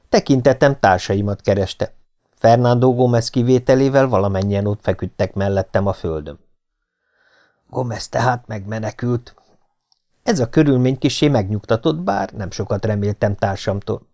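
A man narrating an adventure novel in the first person as an audiobook, in a steady, measured reading. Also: medium pitch.

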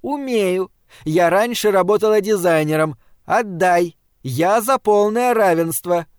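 A man's voice: sits high, a little slow, clear, resonant tone, no echo, clean studio sound. A man voicing a pert, vain young beauty queen. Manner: pert, mocking, demanding.

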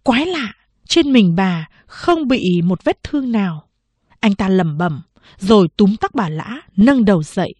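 Woman narrating an audiobook, slow and kinda high, dry close mic. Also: expressive, a little mellow, no room sound.

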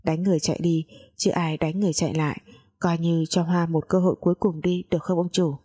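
A woman voicing a gentle, timid young wife who pleads softly in a spoken story. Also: lowish voice, fairly even intonation, fast talker, husky. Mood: pleading. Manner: soft, shy pleading.

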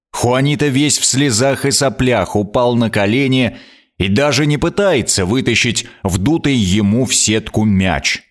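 A man narrating an audiobook in the first person, in an expressive, sardonic manner. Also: lowish voice.

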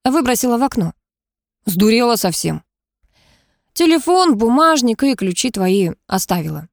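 A woman's voice: fairly high pitch, big pitch swings, moderate pace, creaky, dry recording, studio quality. A woman voicing a blunt, defiant young woman who snaps short replies, in an audiobook reading. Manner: curt, snapping replies.

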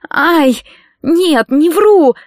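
Frightened young woman, sobbing, pleading, high-pitched, voiced by a woman narrator. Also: lively intonation, takes it slowly, no echo, clean studio sound.

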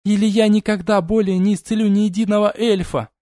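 A man doing a young queen and healer mage, high, strained voice, defiant, crying out for help, dry close audiobook sound. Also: steady tone, a little fast, no room sound, lightly acted. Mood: indignant. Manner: pleading, defiant shouting. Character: young female elf-allied queen and healer mage, indignant.

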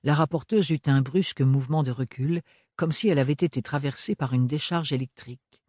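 A man narrating a novel in a measured, even reading voice. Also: a little high, dry recording, studio quality. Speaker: audiobook narrator. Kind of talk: scripted narration.

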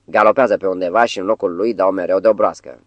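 A man voicing a vain, cheeky talking tomcat jester with a falsely warm, huffy manner. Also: low-pitched, fairly even intonation, no echo, lo-fi sound, natural voice.

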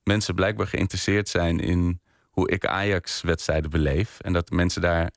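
A low-voiced man speaks in a steady tone at a normal pace, recorded with studio quality and no room sound. He's a guest on a radio podcast, and his relaxed interview chat comes out hesitant and self-deprecating, full of restarts.

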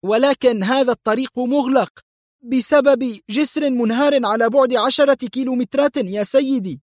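A man voicing a jittery driver in an audio thriller, his voice pushed far higher than usual and tight with worry. He answers his boss in quick, uneasy bursts, recorded close and dry. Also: dry recording. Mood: anxious. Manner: anxious, respectful to his superior. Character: nervous hesitant male car driver.

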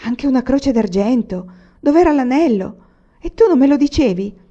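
A woman's voice: mid-range voice, brisk, mellow, lightly acted. A woman reading the part of a shy, anxious young peasant girl in a storybook. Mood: excited. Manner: eager, a little anxious. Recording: slightly dull lo-fi recording.

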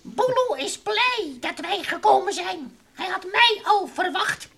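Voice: very high voice, expressive, unhurried, creaky, a bit bright, exaggerated voice. A performer voicing Professor Kwartje, a haughty, mischievous little alien who chatters grandly in nonsense-peppered speech in a children's radio play. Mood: smug. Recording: old radio recording with faint noise.

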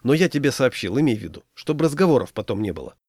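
A man's voice: medium pitch, big pitch swings, quick pace, a little mellow, no room sound, clean studio sound. A man voicing a fussy friend who rambles on confidingly in a humorous story. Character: fussy scheming man, anxious talker.

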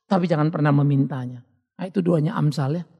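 A man's voice: on the high side, a little fast, gravelly, warm tone, husky, big-room sound. A male pastor preaching a sermon in a dramatic way, acting out the voices he quotes and dropping in English words.

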